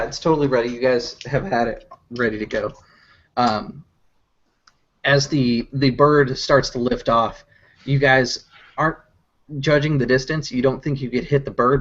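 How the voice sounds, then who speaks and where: A man narrating as game master of a tabletop game, pausing often with fillers. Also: mid-range voice, fairly even intonation, fairly bright tone. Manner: hesitant, many fillers. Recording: dull lo-fi recording.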